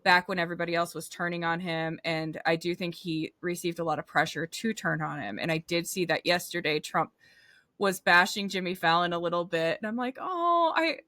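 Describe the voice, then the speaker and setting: A woman hosting a podcast interview, talking in an animated, opinionated way and acting out the voices she quotes. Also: fairly low pitch, brisk, no room sound. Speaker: podcast host.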